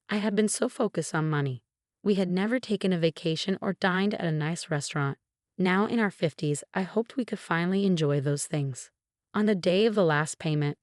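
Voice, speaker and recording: A woman narrating a first-person story in a calm, even, scripted way. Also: lowish voice, dry recording, studio quality.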